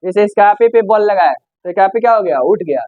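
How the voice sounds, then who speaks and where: A man's voice: sits high, expressive, a little fast, a crowd in the background. A male teacher giving a physics lesson, asking questions and answering them himself. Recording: tinny narrow-band dry sound.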